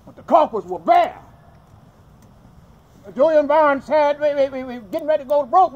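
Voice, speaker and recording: A man's voice: extremely high pitch, slight background noise. An older man with a Southern US accent giving an impassioned, folksy outdoor speech and talking straight to the crowd. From Southern United States. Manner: animated, folksy, addresses the crowd directly. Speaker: speaker at a memorial event. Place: outdoors at a cemetery gathering.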